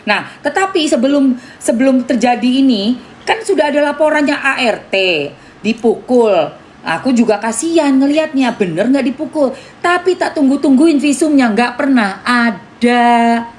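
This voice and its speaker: Woman, indignant live-stream chat, fairly high voice, faint background hiss. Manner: talks to viewers by name, argues indignantly; calls herself [name]. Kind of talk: casual live-stream commentary.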